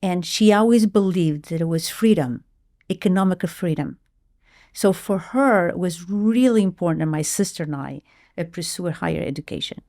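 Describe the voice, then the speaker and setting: Soft-spoken Portuguese-born woman, low voice. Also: lively intonation, normal speed. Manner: earnest, with hesitant restarts. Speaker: guest, marketing executive. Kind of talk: reflective interview storytelling.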